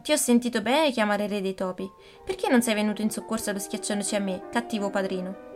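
A woman voicing a sick little girl who pleads and scolds in a higher, louder voice in a storybook reading. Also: fast, music in the background, natural voice. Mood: reproachful.

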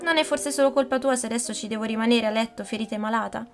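Brief: little girl, high and reproachful, storybook, woman reader voicing her. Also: very fast, faint music behind, natural voice.

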